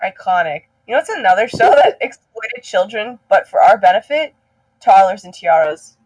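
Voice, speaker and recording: A woman in her twenties co-hosting a casual chat, animated and full of jokes. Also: medium pitch, slightly rough, no room sound. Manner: animated, joking, quick quips. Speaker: podcast co-host.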